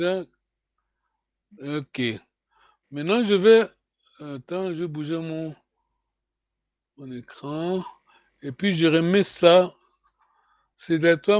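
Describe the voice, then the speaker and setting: A man teaching a language lesson over a video call, patient and hesitant, with many pauses and fillers. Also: sits high, no room sound, muffled recording.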